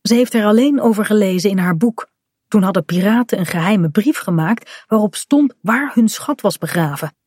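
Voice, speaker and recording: A woman reading a children's story aloud, gentle and clear. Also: medium pitch, animated, normal speed, no echo, studio quality.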